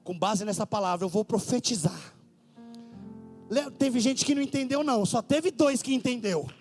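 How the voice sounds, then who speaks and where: A man with a Brazilian Portuguese accent preaching fervently at a church service, shouting and chanting repeated phrases. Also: very high-pitched, lively intonation, moderate pace, faint music behind. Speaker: pastor.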